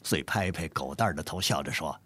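A man narrating a story in an expressive, dramatic manner. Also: rumbling low, brisk, breathy edge, no room sound.

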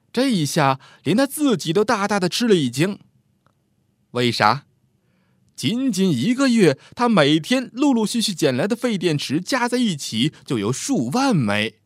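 A male storyteller reads a scripted tale with an expressive delivery, his pitch swinging widely. His voice sits a bit high for a man and sounds close and dry, with no room around it. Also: no echo.

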